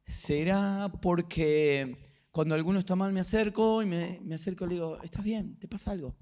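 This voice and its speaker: Middle-aged Argentine pastor, high-pitched man, earnest sermon delivery. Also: moderate pace, a little mellow. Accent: Rioplatense Spanish. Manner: rhetorical questions, earnest preaching with storytelling.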